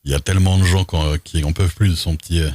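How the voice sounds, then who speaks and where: Male streamer with a strikingly low, husky voice, dry and close, casual and rambling. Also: steady tone, fast talker, a little mellow, no echo. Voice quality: unusual, very deep voice. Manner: reads rules aloud with loose asides. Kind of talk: casual livestream chat while role-playing.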